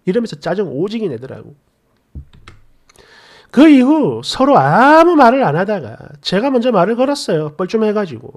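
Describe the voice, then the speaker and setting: A woman's voice: mid-range voice, sing-song, normal speed, darkish tone. A woman narrating a personal story in a casual, exasperated, conversational way.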